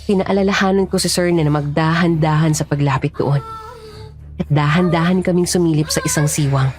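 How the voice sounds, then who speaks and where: A woman giving scripted first-person narration of a horror story, serious and steady. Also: low-pitched.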